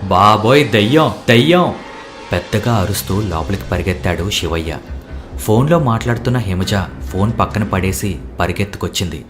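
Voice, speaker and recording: A man's voice: low voice, a little fast, faint music behind. A man reading a novel aloud as an audiobook narrator, voicing every character himself. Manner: plays all the characters himself. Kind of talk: storytelling narration.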